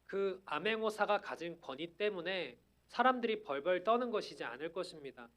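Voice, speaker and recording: A man's voice: high-pitched, lively intonation, a little fast, a bit bright. A man preaching a sermon, earnest, building up to emphatic declarations.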